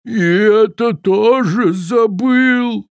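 A man voicing a huge, forgetful, bewildered male giant in a children's story, booming and slow. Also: very animated, vocal fry, darkish tone, no room sound, studio quality, exaggerated voice. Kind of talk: storybook character voice.

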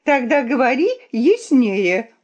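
A woman's voice: high-pitched, sing-song, takes it slowly, a little mellow, pitched above the performer's own voice, exaggerated voice. A woman voicing a bold, fiery young princess who speaks fiercely and scolds, in a dull lo-fi audiobook recording. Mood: curt.

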